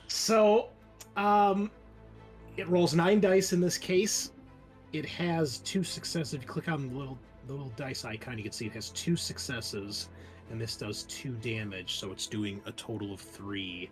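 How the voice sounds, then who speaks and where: Narrating a horror roleplaying game as game master, a man with a slightly high voice shifts between dramatic description and casual talk about the rules.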